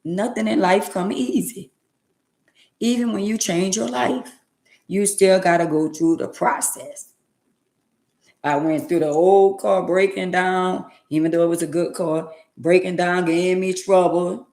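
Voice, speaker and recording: A woman's voice: on the low side, steady tone, a little slow, darkish tone, echoey room. A woman around sixty, talking emphatically and repetitively in a preachy, casual way on her livestream. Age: 60s. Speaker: livestream host.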